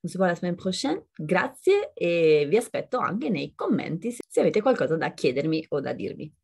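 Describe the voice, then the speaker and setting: Italian-accented woman teacher, slightly husky, lowish voice, patiently repeats words slowly. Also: sing-song, a little mellow. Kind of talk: online pronunciation lesson.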